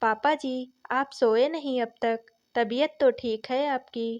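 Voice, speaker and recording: A woman voicing a caring young daughter-in-law in a story reading, speaking softly and respectfully. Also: sits high, slow, highs cut off. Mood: hesitant. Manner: soft, hesitant, respectful.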